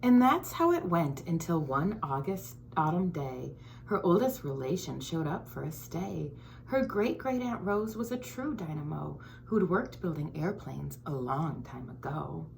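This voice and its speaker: A woman from the school board reads a children's picture book aloud, unhurried and expressive, with a sing-song storyteller's lilt and an occasional whisper. Her voice is low and creaky, with slight background noise in the recording.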